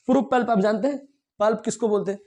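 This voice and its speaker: Guy with a high voice teaching biology class, asks q's and answers them himself. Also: quick pace, dark tone. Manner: explains with questions he answers himself. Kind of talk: classroom lecture to students.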